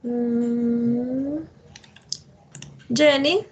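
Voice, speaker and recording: A woman teaching an English grammar class over a video call, speaking haltingly with many fillers and restarts. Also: a little high, fairly even intonation, husky, poor audio. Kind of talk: online class lecture.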